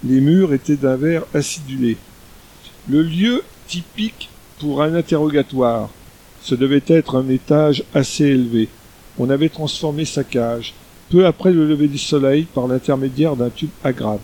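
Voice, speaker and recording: A man narrating an audiobook in a steady, even storytelling manner. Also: medium pitch, moderate pace, low-quality recording. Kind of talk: scripted narration.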